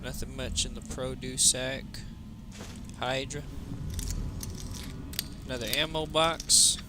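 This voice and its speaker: A man's voice: medium pitch, slow, background noise. Tired man narrating his gameplay. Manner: relaxed, thinking aloud, reads menu options out. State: tired, yawning. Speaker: gaming livestreamer. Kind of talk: casual let's-play commentary. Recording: game music playing behind the voice.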